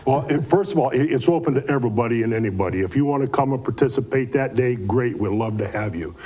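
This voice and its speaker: Male community organizer, relaxed dark voice, earnest and folksy interviewee. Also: medium pitch, fast talker, slightly rough. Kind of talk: conversational interview answers.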